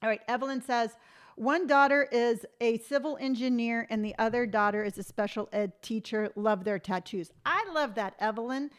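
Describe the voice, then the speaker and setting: A woman's voice: on the high side, normal speed, clean tone. A woman in her late fifties chatting on a live stream, reading viewer comments aloud and telling stories with emphatic conviction. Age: 50s. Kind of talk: casual live-stream chat.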